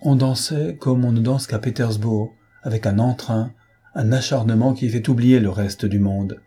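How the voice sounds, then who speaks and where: Very husky, dark male narrator. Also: mid-range voice, normal speed. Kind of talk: audiobook reading of a classic novel.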